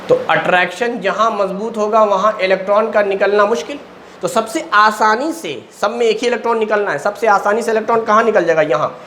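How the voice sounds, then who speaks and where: A man's voice: sits high, a little fast, a bit bright, a little hiss or hum. A man teaching a chemistry lesson in speech, explaining step by step and answering his own questions. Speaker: coaching teacher. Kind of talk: classroom lecture at a board.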